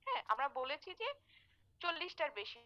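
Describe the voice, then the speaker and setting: A woman's voice: high voice, sing-song, brisk, pushed and bright, dry recording. A woman teacher giving a lecture on an online class, her voice breaking up over a bad internet connection as she explains step by step with hesitant fillers. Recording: dry lo-fi online call audio.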